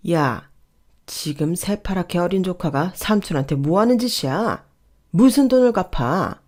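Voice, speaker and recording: A woman voicing a blustering middle-aged uncle who lectures gruffly. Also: deep voice, lively intonation, normal speed, dark tone. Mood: indignant.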